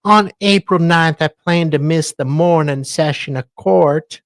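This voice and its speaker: With a deep, unhurried voice recorded in clean studio sound with no echo, this woman co-host theatrically mocks the documents she reads aloud, pausing for offhand asides. Faint music sits behind her.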